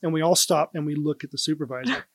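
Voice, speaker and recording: A man with a slightly higher-than-average voice tells a work story in a loose, chatty way, full of "like" and "um". The sound is close and dry, with no room around it. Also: quick pace, no echo. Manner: relaxed anecdote teller, lots of "like" and "um". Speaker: first responder guest. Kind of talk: casual storytelling on a podcast.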